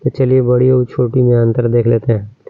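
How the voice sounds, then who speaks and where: A man's voice: medium pitch, level tone, normal speed, no echo. A man teaching children to spell names, drawing out each syllable and often checking that they understood. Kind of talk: slow, spelled-out lesson. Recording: tinny phone-like sound.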